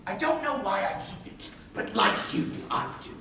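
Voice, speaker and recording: Grandiose, swooping pirate captain in echoey theatre. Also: male voice, sits high, lively intonation, pushed and bright. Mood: taunting, confiding. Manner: grandiose, wry, deliberate with swooping emphasis. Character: scheming theatrical male pirate captain, smug and menacing. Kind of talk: projected stage-play acting. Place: indoor playhouse stage. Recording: echoey theatre, far mic, faint noise.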